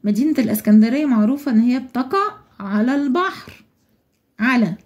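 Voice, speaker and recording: Her voice is fairly high, lively and brisk, with a touch of mellowness. She's a primary school teacher with an Egyptian Arabic accent, patiently taking young children through a textbook lesson step by step and answering her own questions.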